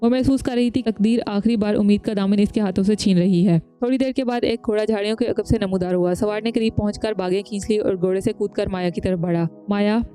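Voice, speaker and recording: A woman narrating a historical novel aloud in a brisk, even storytelling delivery. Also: medium pitch, faint music behind. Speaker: audiobook narrator.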